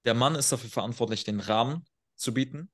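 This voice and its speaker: A man's voice: medium pitch, a little fast. A man chatting on a podcast as a guest coach, telling stories in a blunt, self-assured way. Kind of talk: casual podcast chat.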